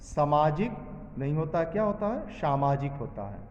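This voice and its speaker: A man's voice: a little high, big pitch swings, moderate pace. A male teacher taking a class through a lesson, asking questions and answering them himself. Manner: drills students, asking and answering his own questions. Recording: echoey room with long reverb, dull sound.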